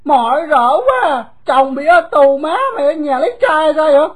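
A woman with a Southern Vietnamese accent voicing a bitter, grieving young runaway boy who talks loud, high and blunt. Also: expressive, moderate pace. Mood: indignant.

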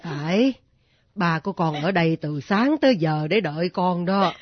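A woman voicing a stern elderly grandmother who scolds gruffly, in a radio drama. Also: on the low side, normal speed, no echo, lo-fi sound, close to an everyday voice. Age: older.

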